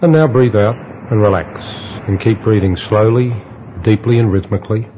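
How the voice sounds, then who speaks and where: A man guiding a relaxation exercise in a slow, hypnotist-like manner, with long pauses between instructions. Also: lowish voice. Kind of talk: guided relaxation narration. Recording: dull lo-fi audio with faint noise.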